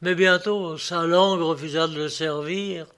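Slow, measured male audiobook narrator. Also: fairly high pitch, steady tone, fairly bright tone, clear, resonant tone. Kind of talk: audiobook reading.

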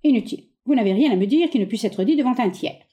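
A woman reading a stage play aloud, voicing a haughty, exasperated middle-aged gentleman with sharp, condescending exclamations. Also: a little high, animated, fast talker, voice pushed up, lightly acted.

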